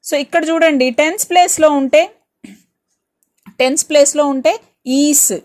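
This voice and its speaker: Woman teacher, bright higher register, reassuring exam-prep explainer. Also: steady tone, moderate pace. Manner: reassuring, explains step by step with rhetorical questions; mixes Telugu with English words. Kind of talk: exam-prep grammar lesson.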